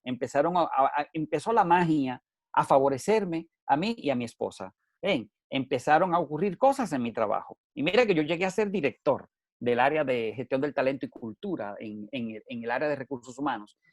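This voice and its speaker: A middle-aged man speaking as a motivational guest on a radio show. He coaches the listener earnestly, often bursting into loud shouts. His voice sits in an ordinary middle register, recorded dry and close with no room sound. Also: medium pitch, expressive, fairly quick, no room sound.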